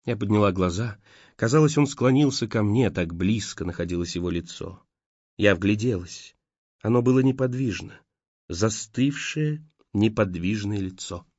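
A man narrating an audiobook in a steady storytelling manner. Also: on the low side, normal speed, no room sound. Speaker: audiobook reader. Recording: dull lo-fi dry recording.

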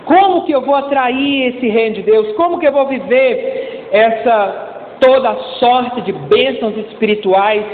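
A male pastor preaching a sermon in a lively, joking way, calling out to the congregation for responses. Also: high-pitched, slight background noise. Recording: echoey church hall over a tinny lo-fi line.

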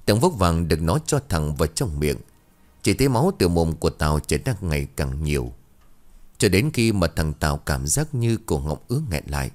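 A man reads a horror story aloud in a scripted, dramatic style. His voice is very deep, yet its pitch moves in lively, wide swings that keep the telling expressive. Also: normal speed.

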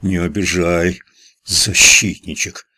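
A man's voice: low-pitched, steady tone, slow pace, sharp tone, slightly rough, full character voice. A man voicing an irritable cemetery manager who snaps and sneers. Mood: irritable, scornful. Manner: snapping, scornful. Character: irritable male cemetery manager, shrill and scornful.

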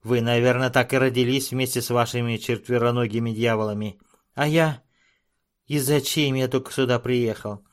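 A man voicing a whining little male dwarf gun trader who trembles with cold and talks in a shrill, bleating way, in an audiobook. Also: steady tone, moderate pace, close to an everyday voice. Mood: whining, complaining. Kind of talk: audiobook character voice.

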